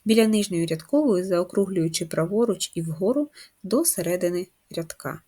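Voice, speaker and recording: Husky-voiced woman teaching first graders. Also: fairly low pitch, animated, normal speed, dark tone. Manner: patient, step-by-step instruction with questions to children. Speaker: primary school teacher. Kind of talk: first-grade writing lesson.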